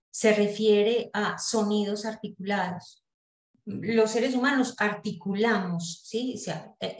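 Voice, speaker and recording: Woman, study group leader; patient, halting explainer with a middle pitch, recorded in a roomy space. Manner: deliberate, hesitant, with frequent "eh" pauses and rhetorical checks. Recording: roomy echo.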